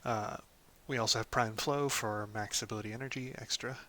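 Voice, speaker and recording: A man hosting a casual game guide, talking through a character build in a relaxed way, with frequent "um"s and "of course"s. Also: mid-range voice, fairly quick. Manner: relaxed, lots of ums and "of course". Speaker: gaming channel host.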